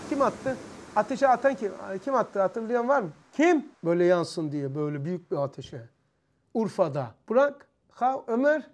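A man giving an informal religious lesson to a group of teenage students. He keeps asking them questions and acts out blows and shouts with sound effects. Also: high voice. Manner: lively, questioning the students, acting out strikes with sounds. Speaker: religious teacher.

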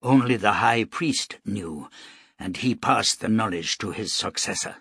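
A calm, devout shipbuilder speaks in a hushed, low voice, as a male narrator plays him. His words come slowly and with a slight huskiness. The sound is close and dry. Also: gravelly, husky, dry recording, heavily acted. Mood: soft, reverent. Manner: soft, quiet and measured.

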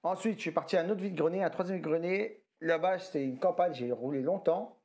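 Speaking fast in a slightly high, slightly mellow voice, a tired French man rambles through a casual haul video about video games he found at a flea market. This retro game collector vlogger keeps correcting himself and leans on slang.

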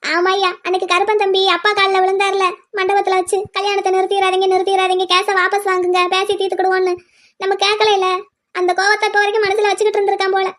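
A woman's voice: extremely high pitch, completely flat delivery, fast talker, a bit bright. A woman voicing an anxious mother of two grown sons in a cartoon, lamenting and blaming herself. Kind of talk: cartoon voice acting.

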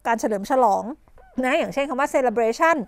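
On a televised tutoring show, a woman teacher explains English idioms, sprinkling in polite fillers and quick questions to the class. Her voice is high-pitched and expressive, the sound has no echo, and she coughs and clears her throat frequently.

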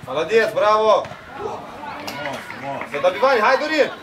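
A man's voice: high voice, very animated. A man cheering young players from the sideline, mixing Russian praise into encouragement. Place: outdoor football pitch. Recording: distant voice, loud crowd and street noise.

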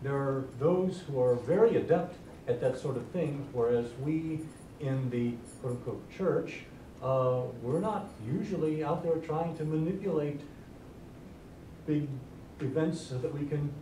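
Male class member with a mellow voice who questions and challenges, heard from across an echoey room. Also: a little high, a little hiss or hum. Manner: deliberate, argumentative, searching for words. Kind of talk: church class discussion. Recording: echoey room, mic far off.

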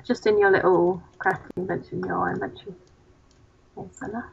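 A woman's voice: fairly low pitch, steady tone, moderate pace, vocal fry, husky. A young woman hosting a co-op game video, chatting in a rambling, giggly, self-mocking way. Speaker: let's play host. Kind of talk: casual co-op gaming chat. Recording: dull lo-fi mic.

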